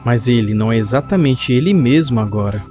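A man voicing a quick-witted armored male hero, read plainly in his own warm voice. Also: medium pitch, animated, natural voice. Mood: urgent. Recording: muffled lo-fi with faint music.

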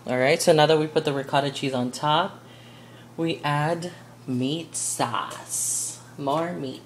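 Slow, low-voiced young woman vlogging. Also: a little hiss or hum. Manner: chatty, rambling, giggly. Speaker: cooking vlogger. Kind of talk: casual cooking vlog. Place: home kitchen.

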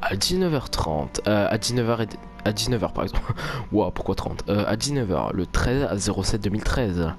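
A man's voice: lowish voice, a little fast. A man doing casual, jokey, rambling let's play commentary as a spooked, grumbling horror game streamer who swears a lot. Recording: noisy home game recording. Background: horror game ambience.

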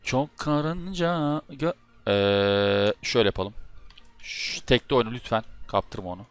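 A man doing live commentary over his own football video game match, often exasperated and shouting at his players and his keyboard. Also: mid-range voice, no room sound. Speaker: gaming YouTuber.

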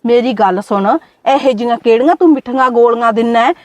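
An actress playing a sharp-tongued mother who demands land for her son and accuses her husband. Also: on the high side, quick pace, no echo, natural voice. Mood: scolding. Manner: scolding, accusing, insistent. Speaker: actor in a family skit. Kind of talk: home-made family drama skit.

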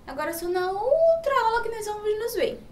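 A woman's voice: very high-pitched, sing-song, a little mellow, echoey room, recorded from a distance. A woman with a Brazilian Portuguese accent teaching a first-grade literacy lesson, drawing words out and asking the children questions. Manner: slow, sing-song, drawn-out words, asks children questions. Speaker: primary school teacher.

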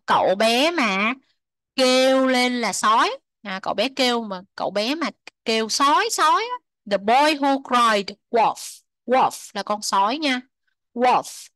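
A woman teaching English to children, repeating words slowly, translating them and chatting with soft sentence endings. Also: on the high side, dry recording. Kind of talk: explaining a textbook lesson to children.

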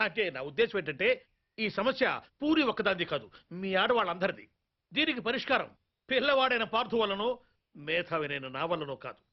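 A fast, teasing joker. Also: male voice, sits high, big pitch swings. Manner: playful, mock-serious, quick talker. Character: joking middle-aged man teasing a crowd of women. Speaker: film character. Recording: dull lo-fi film soundtrack, faint music.

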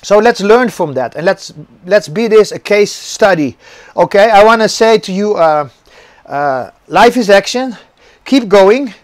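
A man's voice: sits high, lively intonation, unhurried, no room sound. A middle-aged actor and stuntman giving an earnest motivational talk to viewers, often repeating words as he searches for them.

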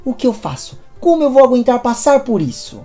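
A woman's voice: on the high side, big pitch swings, a little fast, dark tone, faint music behind, pitched above the performer's own voice. A woman reading the lines of a distressed mother and wife in a retold soap-opera scene, her speech full of pleading questions. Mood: anguished. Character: worried middle-aged mother and wife.

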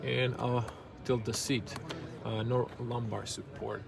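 A man's voice: mid-range voice, little pitch movement, slow pace, creaky. A man in his thirties giving a casual car review, pointing out details one by one as he walks around and sits inside, filmed on a handheld camera at an indoor auto show. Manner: running commentary, pointing out details as he goes. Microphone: handheld camera mic. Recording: noisy auto show hall. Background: show hall ambience.

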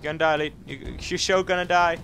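A man's voice: fairly high pitch, fairly even intonation, fast talker, vocal fry, fairly bright tone. A young man commentating his own video game playthrough, chattering and repeating words in bursts. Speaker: gaming channel host. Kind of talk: excitable let's-play commentary. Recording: game music underneath.

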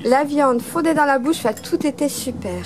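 A woman's voice: sits high, moderate pace, noisy background. A woman hosting a casual on-site restaurant report, enthusiastic and full of praise, with many fillers. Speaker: host of a local restaurant report. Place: outdoor restaurant terrace, then a kitchen. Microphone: camera mic, speaker behind the camera.

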